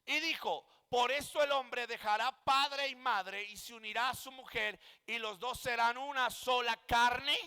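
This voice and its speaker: A man's voice: extremely high pitch, unhurried, hardly any pauses, bright, forceful tone, clear, resonant tone, long reverb tail. A male pastor teaching a Bible exegesis class, speaking emphatically, asking rhetorical questions and saying "amen" often.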